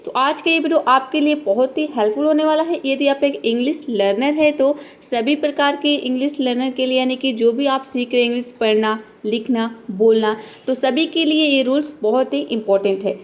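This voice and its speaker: A young woman, an English teacher, explaining spelling and pronunciation rules to viewers, patiently repeating example words. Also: high-pitched. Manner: patient, repeats words slowly, says "theek hai" often.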